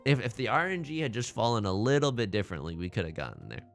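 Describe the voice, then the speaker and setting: A man's voice: lowish voice, big pitch swings, quick pace, faint music behind. A man commentating on his own game live, thinking aloud casually with joking, mock-dramatic asides. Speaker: gaming streamer.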